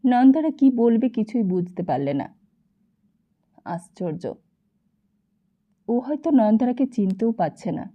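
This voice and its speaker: Female audiobook narrator, unhurried and measured, slightly muffled lo-fi sound. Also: on the high side, big pitch swings. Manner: slow, measured storytelling. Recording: slightly dull lo-fi recording.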